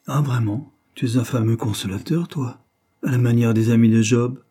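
A man reading an audiobook, voicing a bitter, sharp-tongued young man who lies sulking in bed. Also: medium pitch, moderate pace, breathy edge, lightly acted. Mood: bitter, irritated. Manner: sarcastic, irritated. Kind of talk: audiobook character voice.

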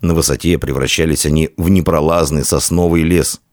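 Deep-voiced man narrating an audiobook. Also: fairly even intonation, brisk, a little mellow, dry recording, studio quality. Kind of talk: scripted narration.

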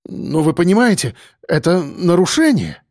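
Higher-pitched nervous doctor for an audiobook, indignant and fretful, put on by a male narrator. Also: big pitch swings, a little mellow, no echo, studio quality. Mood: flustered. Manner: indignant, quick to protest.

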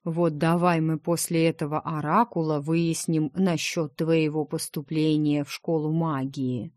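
A woman reading the part of a gruff, protective male dragon in an audiobook, talking bluntly and teasingly. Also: low voice, flat delivery, measured pace, darkish tone, no echo, clean studio sound.

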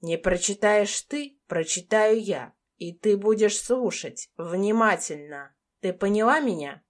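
A woman's voice: medium pitch, unhurried, close to an everyday voice. A woman voicing a cold, domineering billionaire man in an audiobook, with curt, controlling and menacing lines. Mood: harsh.

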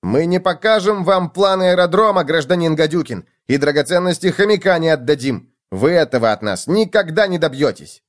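A man's voice: very animated, normal speed, hardly any pauses. Man voicing a whiny grumpy bedbug prince. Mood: shrill. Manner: whiny, shrill, indignant. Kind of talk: storybook reading.

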